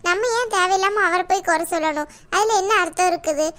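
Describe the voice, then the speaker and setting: A woman voicing a withdrawn, divorced young woman who pleads to drop the subject in an animated story. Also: very high voice, a little fast. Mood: resigned. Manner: soft, pleading, resigned. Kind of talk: cartoon voice acting.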